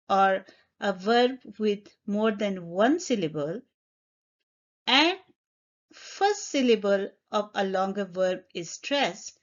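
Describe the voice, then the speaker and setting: A woman teaching an English grammar lesson, speaking deliberately, spelling out letters and repeating each example. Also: medium pitch. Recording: slightly dull lo-fi recording.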